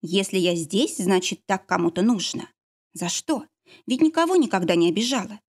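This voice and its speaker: Woman reading a story out loud, very lively up-and-down voice, emotional. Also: mid-range voice, normal speed. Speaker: audiobook narrator. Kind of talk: scripted first-person story narration.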